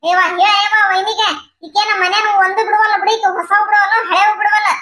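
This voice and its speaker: A woman voicing a sharp-tongued, stingy old mother-in-law in a cartoon, nagging and scolding in a North Karnataka Kannada accent. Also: very high voice, little pitch movement, fast, slight background noise. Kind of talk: cartoon voice acting.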